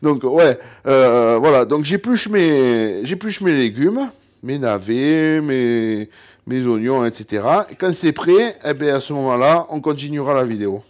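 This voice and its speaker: A man's voice: mid-range voice, lively intonation, unhurried. A man from southern France with a southern French accent, chatting casually through a cooking vlog, rambling, joking and saying "voilà" constantly. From Cévennes, southern France. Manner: talks straight to the viewer, jokes and laughs at himself. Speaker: home cook and hunter.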